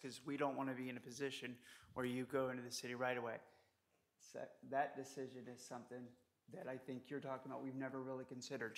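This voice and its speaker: A man's voice: mid-range voice, gravelly, a bit bright. A man on the city council, thinking aloud and asking questions during a meeting. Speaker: council member.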